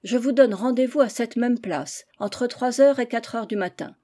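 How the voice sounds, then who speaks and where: A woman's voice: a little high, moderate pace, warm tone, pitched above the performer's own voice, close to an everyday voice. A woman reading the lines of a proud, stubborn old village tailor with emphatic resolve. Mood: determined.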